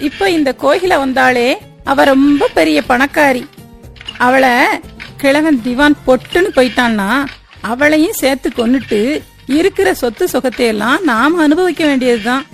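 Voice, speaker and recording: A woman's voice: sits high, normal speed, vocal fry, faint music behind. A woman playing a scheming, spiteful woman of the house who scolds and gossips sharply.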